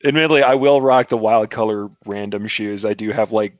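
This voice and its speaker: A man's voice: on the low side, a little fast, no echo, lo-fi sound. Chatty man who chuckles mid-sentence. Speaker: co-host. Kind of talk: casual live Q&A chat.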